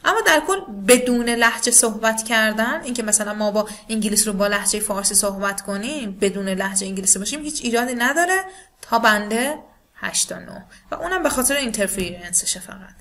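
A woman whose first language is Persian, teaching an online lesson on speaking scores, who explains in Persian and reads English rubric lines slowly and deliberately. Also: medium pitch, a bit bright. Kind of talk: recorded online lesson explaining scoring criteria.

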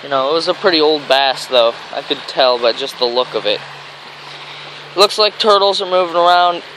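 An American man narrates a casual fishing vlog from a grassy riverbank, rambling with enthusiasm at a moderate pace. His voice sits on the high side with a sharp tone, and the rough handheld camera recording catches stream and traffic noise.

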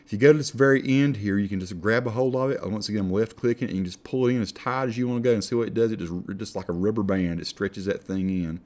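Folksy Appalachian man with a lowish voice. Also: quick pace, hardly any pauses, darkish tone. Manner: folksy, informal, self-deprecating. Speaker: tutorial instructor. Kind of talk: casual software tutorial, talking through each step.

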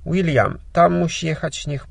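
A man voicing a gruff but kind older emigrant gentleman in a storybook, talking brusquely and grumbling. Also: on the high side, expressive, unhurried, no room sound, voice pushed up, full character voice. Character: gruff, kindly old Polish emigrant gentleman.

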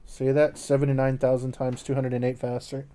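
A man's voice: medium pitch, monotone, brisk, over a noisy crowd. A man in his thirties, casually chatting and joking as he plays a game on a live stream, swearing freely. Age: 30s. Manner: laid-back, swears a lot, joking.

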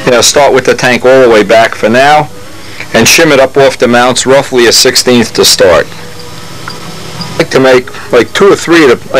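An older man who builds model airplanes chats casually at his hobby workbench, his mid-range voice a bit bright. He often stops mid-sentence and corrects himself, and the recording quality is low.

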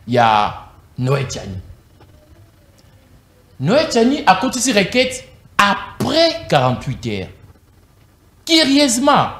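A man's voice: fairly high pitch, a bit bright, echoey room. A young man speaking as a guest in a TV studio, arguing his point emphatically into a handheld mic. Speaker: political guest. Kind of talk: animated political argument.

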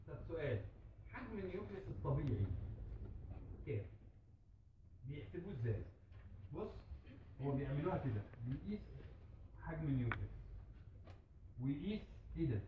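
A man with an Egyptian Arabic accent giving a classroom lecture, asking the class questions and answering them himself, repeating key terms slowly. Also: fairly high pitch. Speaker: medical lecturer. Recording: roomy, distant, noisy hall recording.

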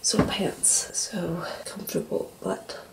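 A woman vlogging her day from her bedroom in a hushed, half-whispered morning voice. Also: lowish voice, steady tone, takes it slowly, creaky, rough recording. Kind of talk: casual day-in-the-life vlog.

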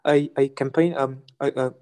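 A man's voice: mid-range voice, steady tone, normal speed, darkish tone. A male journalist with a South African Afrikaans accent, courteously putting wordy questions at an online press conference. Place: remote video call.

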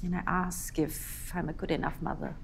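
A woman's voice: low voice, steady tone, moderate pace, gravelly, slight background noise. A woman playing a weary, frustrated middle-aged mother looking for work, blunt and frank, in a naturalistic drama. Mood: weary, downcast. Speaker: job seeker. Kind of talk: naturalistic screen drama acting.

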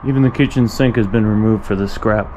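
Fast-talking and a little mellow with a steady tone, a man who explores and photographs abandoned places for his vlog thinks aloud in a casual, reflective way about what he sees. He's at an abandoned farmstead, mostly outside by a highway, in a noisy outdoor recording with highway sound close by.

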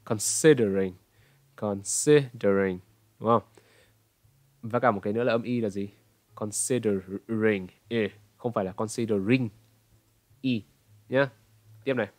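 A man in his twenties from Vietnam, correcting pronunciation and repeating words slowly to demonstrate. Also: medium pitch, steady tone, no room sound. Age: 20s. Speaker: pronunciation coach. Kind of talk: reaction commentary correcting pronunciation.

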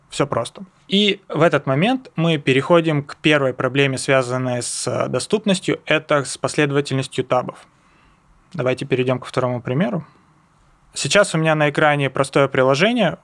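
A young man presenting an explanatory screencast lesson, talking informally and going through things step by step. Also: medium pitch. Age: young adult. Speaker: presenter of a web accessibility lesson. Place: indoors, seated at a computer.

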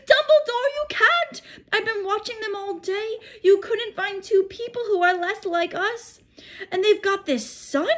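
A woman voicing an agitated, incredulous older witch professor in a storybook read-aloud, speaking emphatically. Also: full character voice. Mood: horrified. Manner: incredulous, emphatic, high-strung.

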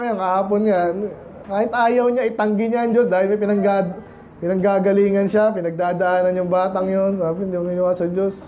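A man with a high-pitched voice preaches to his congregation in a loose, conversational way, throwing questions at the listeners. The recording sounds dull and lo-fi, with a faint hiss underneath. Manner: conversational, quizzes the congregation, mixes in English. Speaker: pastor. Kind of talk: sermon. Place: church service.

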